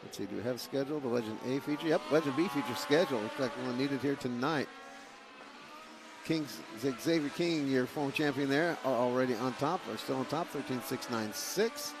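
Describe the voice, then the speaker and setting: A man's voice: mid-range voice, background noise. A man calling live practice laps at a small speedway, in a folksy, joking way. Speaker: race announcer. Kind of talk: live race commentary.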